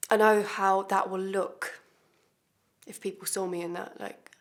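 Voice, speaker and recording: A woman's voice: mid-range voice, flat delivery, measured pace, close to an everyday voice. Woman playing a blunt, defiant woman. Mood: defensive. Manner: blunt, swearing, hesitant fillers. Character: blunt defiant woman confessing under questioning. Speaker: actor. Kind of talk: self-tape monologue.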